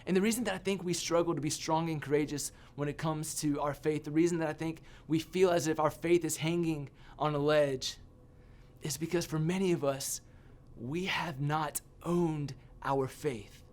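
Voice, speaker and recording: A man giving a sermon as a youth pastor, telling a personal story with animated, self-mocking humor. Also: on the high side, normal speed.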